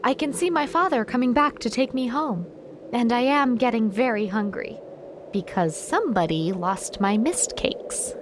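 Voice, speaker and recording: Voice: medium pitch, normal speed, noisy background, close to an everyday voice. A woman playing a polite, formal youngster from a sky palace in an audio drama. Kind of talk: musical audio drama acting.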